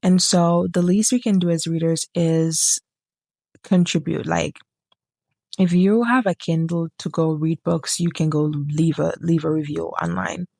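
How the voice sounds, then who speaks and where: A woman with a low, gravelly voice talks casually to camera about books. She rambles and drifts off topic, often stopping to correct herself. The sound is dry and close, with no room around it. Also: steady tone, measured pace, darkish tone, no echo. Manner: rambling, sidetracked, self-correcting. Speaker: book reviewer.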